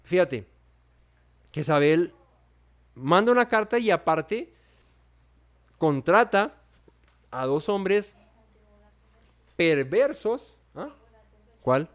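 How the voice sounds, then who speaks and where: Lively man teaching a Bible study. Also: high-pitched, extremely slow, long pauses. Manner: playful, acts out the characters' lines with comic voices.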